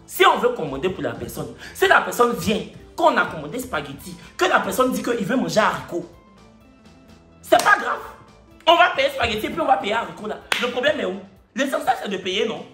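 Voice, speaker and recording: Un homme qui prend un accent ivoirien exaspéré et moqueur. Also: male voice, sits high, fairly quick, echoey room, faint music behind, pitched above the performer's own voice, heavily acted. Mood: exasperated mockery. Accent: Ivorian. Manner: animated, mocking, rhetorical questions. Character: the narrator himself, exasperated, mocking.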